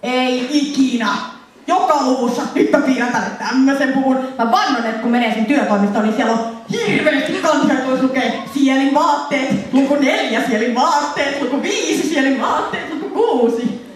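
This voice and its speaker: A young Finnish woman presenting a lively convention panel to an audience, laughing and acting out scenes in funny voices. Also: high-pitched, crowd noise. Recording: echoey hall, voice from far off, faint noise.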